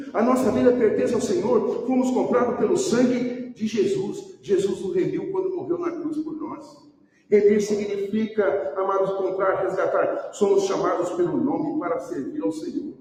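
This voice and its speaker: A man's voice: sits high, warm tone. A man with a Brazilian Portuguese accent preaching a sermon as pastor, emphatic, repeating his phrases and calling out names. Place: church sanctuary. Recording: echoey church hall, voice from far off the mic.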